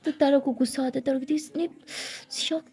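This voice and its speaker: A woman narrating a love story in a plain, steady storytelling manner. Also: sits high, rapid-fire.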